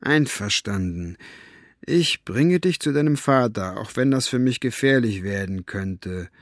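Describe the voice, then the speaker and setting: A man voicing a sly, scornful grown man who speaks low and conspiratorially. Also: animated, measured pace, dry recording, clean studio sound, close to an everyday voice. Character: sly, scornful male fire-juggler, secretive.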